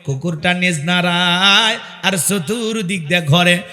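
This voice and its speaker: A man preaching a fiery sermon at an outdoor gathering, calling on the crowd to answer and driving rhetorical questions through a loudspeaker microphone. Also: high-pitched, measured pace. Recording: long echo of a loudspeaker.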